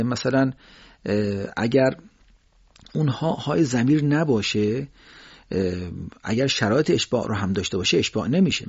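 Husky male teacher, dull dry recording. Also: medium pitch, a little mellow, dry recording. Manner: patient, demonstrates example words slowly and repeats them. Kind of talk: explanatory lesson on recitation rules.

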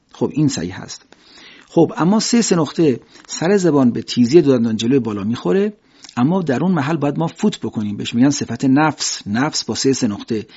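A man teaching the pronunciation of Quranic letters, explaining step by step and slowly demonstrating each sound. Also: mid-range voice, dark tone, husky. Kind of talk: pronunciation lesson. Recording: dull lo-fi recording.

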